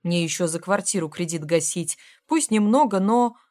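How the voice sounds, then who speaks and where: A woman's voice: lowish voice, lively intonation, moderate pace, darkish tone, dry recording, clean studio sound, natural voice. A woman reading an audiobook, voicing an older male pensioner who grumbles indignantly. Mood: grumbling.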